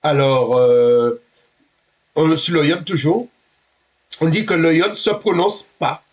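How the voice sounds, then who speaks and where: Teaching Hebrew to beginners, this man has a slightly husky, somewhat high, a little mellow voice. His delivery is halting, full of repetitions and self-corrections, and he patiently keeps making sure the class follows him.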